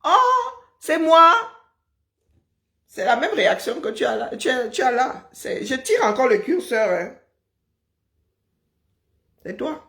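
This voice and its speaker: A woman's voice: on the high side, sing-song, measured pace, pauses often. A woman in a heated online argument, mocking and taunting her opponent. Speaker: live stream participant.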